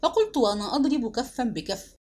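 A woman reading a dramatic novel aloud with an emotional, expressive delivery. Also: on the high side, quick pace, a little hiss or hum. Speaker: audiobook reader.

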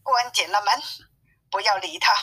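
A woman's voice: medium pitch, normal speed, sharp tone, slightly rough, poor audio. A woman voicing an arrogant young demon king in a storybook reading, sneering and boastful in speech.

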